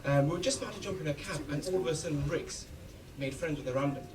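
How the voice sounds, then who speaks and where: A man's voice: a little high, fast talker. British best man speaking over a noisy crowd. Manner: laddish, bantering. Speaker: best man giving a wedding speech. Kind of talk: informal joking wedding speech. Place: wedding reception, speaking to guests. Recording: distant mic, loud crowd and noise.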